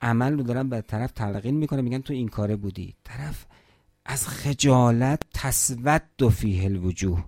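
Gravelly-voiced male preacher, emphatic sermon. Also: mid-range voice, darkish tone, no room sound, clean studio sound. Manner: emphatic, asks rhetorical questions, quotes Arabic scripture. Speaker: preacher at a mourning gathering. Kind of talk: religious sermon.

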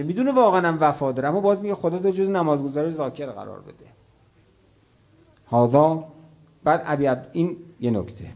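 A man preaching a religious sermon, speaking with passion. He swings between raised exclamations and soft, hushed passages, and addresses his listeners directly as brothers and sisters. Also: on the high side. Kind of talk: religious sermon with recitation of a martyrdom story.

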